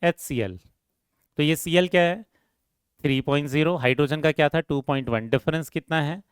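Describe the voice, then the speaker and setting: A man's voice: a little high, normal speed, clear, resonant tone, dry recording, studio quality. A man teaching a chemistry lecture who asks the class questions and answers them himself, repeats key terms and calls his students "beta".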